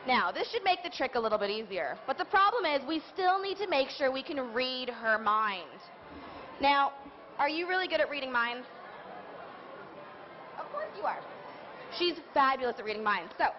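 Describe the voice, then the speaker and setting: A woman presenting a live children's science and magic show in the playful manner of a kids' party magician, prompting the audience to join in. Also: sits high. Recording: muffled live event recording, noisy crowd. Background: crowd of an audience, background noise.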